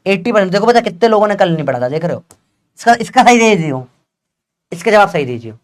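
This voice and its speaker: A young man, teaching a live online physics class and teasing and coaxing students to answer fast. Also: high voice, very animated.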